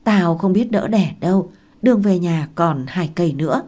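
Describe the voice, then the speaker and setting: A woman reading aloud and voicing a blunt, gruff old village woman who scolds loudly and talks coarsely. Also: lowish voice, expressive, moderate pace. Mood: scolding.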